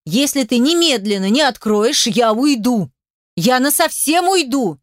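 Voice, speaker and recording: A woman's voice: on the high side, animated, unhurried, no echo, clean studio sound. A woman voicing a self-important man, the narrator's ex-husband, who grumbles, sulks and takes offense. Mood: shouting.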